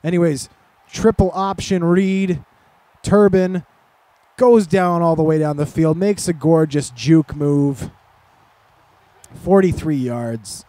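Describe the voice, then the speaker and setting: Gaming commentator, male, slightly high mellow voice, dry close desk mic, rambling and sarcastic. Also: slow pace, long pauses, no room sound. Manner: rambling, self-deprecating, sarcastic asides. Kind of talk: casual game commentary. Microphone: desk microphone.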